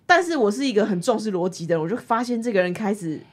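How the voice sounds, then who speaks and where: A woman's voice: medium pitch, quick pace. A woman with a Taiwanese Mandarin accent, co-hosting a podcast and telling a story in casual chat, acting out the quarrel in voices. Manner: animated, acts out quarrels in voices. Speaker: podcast co-host.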